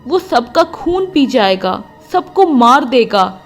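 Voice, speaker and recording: A woman voicing a middle-aged village mother who hides her grief, talking in a hushed, hesitant and evasive way. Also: sits high, sing-song, slow pace, soft background music, heavily acted. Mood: tearful.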